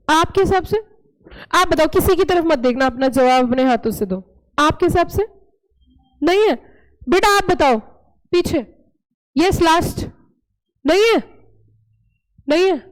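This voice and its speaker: A woman with a very high voice teaching a live classroom lesson. She is playful and animated and keeps quizzing her students with repeated questions. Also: unhurried, long pauses, rough recording. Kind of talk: classroom lecture.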